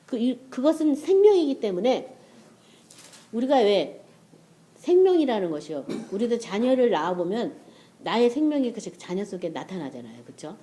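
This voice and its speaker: A woman's voice: fairly high pitch, sing-song, moderate pace, mellow. A middle-aged woman preaching a sermon in a conversational way, often checking with her listeners.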